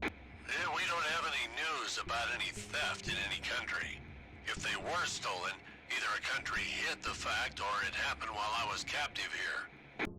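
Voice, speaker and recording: An actor playing a fatherly, serious army colonel in a video game, speaking as an earnest, measured military officer. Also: on the low side, expressive, very noisy, lightly acted. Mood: alarmed. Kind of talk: dramatic video game dialogue.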